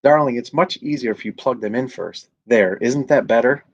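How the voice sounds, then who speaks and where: A man voicing a patient, gentle mother in a bedtime storybook reading, speaking softly and coaxingly. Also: mid-range voice, moderate pace, muffled recording, lightly acted.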